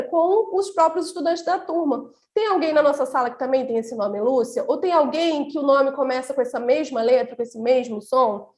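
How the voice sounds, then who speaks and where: A young woman with a Brazilian Portuguese accent gives a teacher training talk, walking through classroom examples one step at a time. Her voice sits high.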